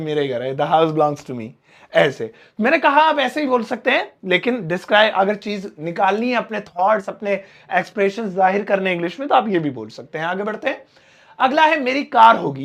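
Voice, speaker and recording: A man's voice: high-pitched, vocal fry, a bit bright. A young man, an English teacher, giving a lesson in Hindi and stretching out the example sentences with heavy stress. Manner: slow, stressed teaching delivery, drawing out example words.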